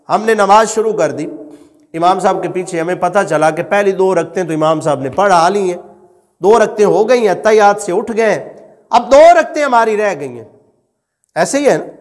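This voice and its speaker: A man's voice: high-pitched, lively intonation, big-room sound. A male religious teacher, lecturing and repeating his points, asking the listeners questions and then answering them himself. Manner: repeats and explains points patiently.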